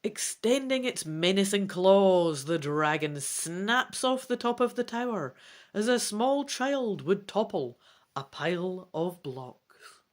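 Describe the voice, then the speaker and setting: Her pitch is medium but swings widely, and she talks slowly. The woman is walking through a gamebook, moving back and forth between theatrical reading and casual, chatty commentary.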